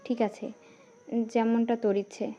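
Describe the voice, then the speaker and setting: A woman's voice: on the high side, flat delivery, unhurried, warm tone, a little hiss or hum. A woman playing a concerned mother, protective of her son, in a scripted audio story. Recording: muffled audio, music behind.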